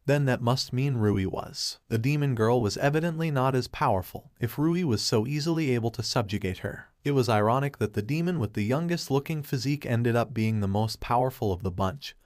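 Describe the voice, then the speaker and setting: A male narrator reads fan fiction in a steady, even manner. His voice sits at a middle pitch. The recording is dry and close. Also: fairly quick, few pauses, dry recording. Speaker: story narrator.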